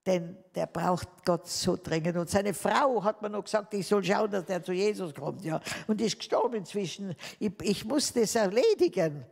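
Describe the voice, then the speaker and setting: A woman's voice: mid-range voice, normal speed, vocal fry, hardly any pauses. Woman telling her testimony in a hall. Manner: lively storytelling, addressing listeners as dear ones. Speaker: speaker giving a testimony. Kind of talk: spoken testimony to a live audience.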